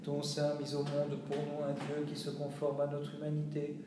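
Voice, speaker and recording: A man chanting a slow, solemn liturgical reading in a chapel, moving between spoken lines and sung refrains. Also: fairly high pitch, completely flat delivery, background noise. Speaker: reader of liturgical texts. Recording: very echoey chapel, voice from far off.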